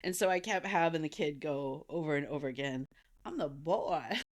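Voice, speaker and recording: A woman's voice: deep voice, a little fast. A woman in her forties with a Minnesotan accent, co-hosting a podcast and telling stories in a rambling, repetitive way. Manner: rambling storyteller, repeats words. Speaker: podcast co-host. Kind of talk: casual podcast chat.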